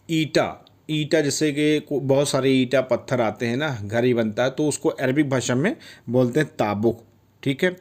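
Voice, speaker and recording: A man's voice: mid-range voice, darkish tone. A man teaching Arabic vocabulary in Hindi, patiently explaining each word and repeating it with frequent check-ins. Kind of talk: vocabulary lesson.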